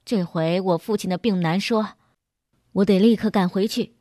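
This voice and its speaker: A woman voicing a brusque, hurried middle-aged businessman in a storybook reading, with a lowered, loud, blunt delivery. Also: dry recording, studio quality, close to an everyday voice.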